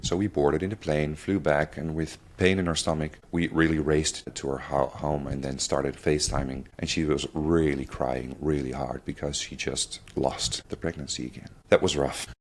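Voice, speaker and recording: Deep-voiced man telling a painful story. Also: steady tone. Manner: halting, with restarts and fillers. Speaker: podcast guest sharing his family story. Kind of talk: candid interview talk.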